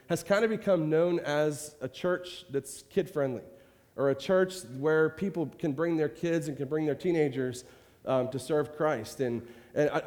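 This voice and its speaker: Talking to his congregation in a church sanctuary, a man with a fairly high-pitched voice gives a chatty, warm, rambling address full of fillers and the repeated phrase "I tell you." He has a cold and coughs occasionally, captured on a handheld or stage mic in a reverberant hall.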